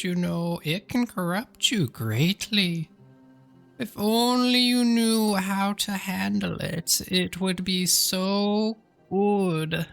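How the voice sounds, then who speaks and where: A man with a slightly sore throat putting on the voice of a mysterious elderly man who speaks slowly and musingly. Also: sits high, vocal fry, a bit bright, smooth, voice pushed up, full character voice. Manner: slow, drawn-out, musing. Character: elderly man, slow and mysterious, warning of magic.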